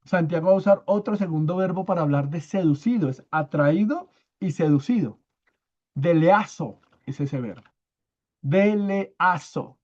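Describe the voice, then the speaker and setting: A man teaching a church Bible study, explaining step by step, often checking in with his listeners and repeating key words slowly for emphasis. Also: on the high side, expressive, dark tone, lo-fi sound. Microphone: own microphone.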